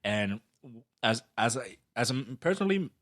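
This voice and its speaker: A man's voice: medium pitch, very animated, moderate pace, a bit bright, no echo, studio quality. A man from Finland, a podcast guest talking earnestly with frequent restarts. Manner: earnest, thoughtful, with many restarts. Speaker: guest, local election candidate. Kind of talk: casual podcast chat.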